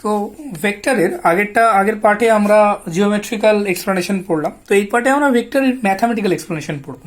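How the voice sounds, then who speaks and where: A woman's voice: mid-range voice, quick pace. A woman with a West Bengal Bengali accent teaching a step-by-step math lesson, explaining patiently, often checking in with rhetorical questions and mixing in English terms.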